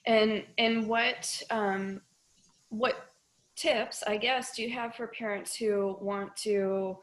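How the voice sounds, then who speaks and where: A middle-aged woman hosting an interview, soft-spoken and encouraging, often affirming with quiet mm-hmms. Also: medium pitch, fairly even intonation, slow pace, poor audio. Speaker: interviewer host. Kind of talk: interview conversation.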